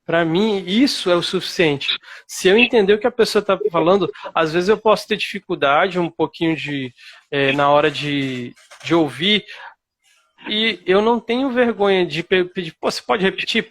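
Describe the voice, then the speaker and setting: A Brazilian man telling a casual, animated testimonial about learning English, acting out his own past remarks. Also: high-pitched, normal speed. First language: Portuguese. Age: adult. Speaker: English student giving a testimonial.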